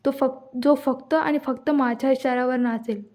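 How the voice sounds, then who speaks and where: A domineering rich matriarch who snaps out orders and schemes, as a woman reads her part. The voice is high-pitched yet mellow, commanding throughout. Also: steady tone, moderate pace, close to an everyday voice.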